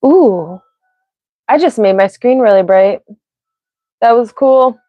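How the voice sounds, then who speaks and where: A woman's voice: fairly high pitch, animated, takes it slowly, dry recording. An American woman with a mixed Pennsylvania and Ohio accent, hosting a casual live stream and rambling off on tangents with frequent giggles. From United States. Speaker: livestream host. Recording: dry, slightly dull sound.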